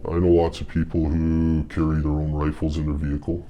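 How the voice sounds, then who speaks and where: An anonymous male police officer and training instructor, speaking in an interview through a disguised, very deep voice, halting and earnest with fillers. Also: monotone, warm tone, muffled recording, slight background noise. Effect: voice disguised, pitched very deep.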